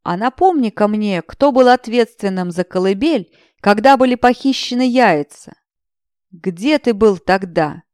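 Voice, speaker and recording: A woman voicing a calm, mocking male dragon guardian who speaks quietly and cuttingly. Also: mid-range voice, a little slow, dry recording, studio quality, lightly acted. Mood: menacing.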